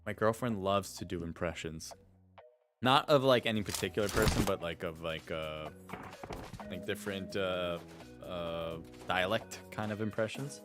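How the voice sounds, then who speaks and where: A man with a low voice talks at a normal speed while casting a gaming livestream over music. His chat and game commentary are casual and meandering, full of self-deprecating remarks.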